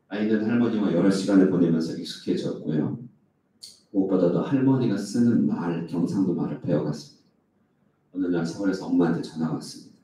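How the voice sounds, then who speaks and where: With a low, warm voice, this pastor delivers an early-morning sermon, asking the congregation rhetorical questions. He raises his voice to act out complaints, and he sounds distant from the mic in an echoey hall.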